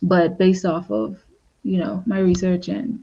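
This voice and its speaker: A woman with a fairly low voice talks through a panel discussion as a trauma counselor. She is reflective and leans on "you know" as she goes. The recording sounds dull and lo-fi. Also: fairly even intonation, a little slow, creaky, husky. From Bahamas. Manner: reflective, lots of "you know", laughs lightly.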